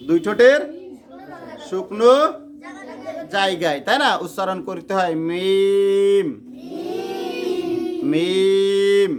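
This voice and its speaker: A Quran teacher, slowly drilling a class on letter sounds and urging them to repeat louder. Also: medium pitch. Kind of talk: classroom lesson on letter pronunciation. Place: noisy classroom with students. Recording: noisy classroom with crowd chatter.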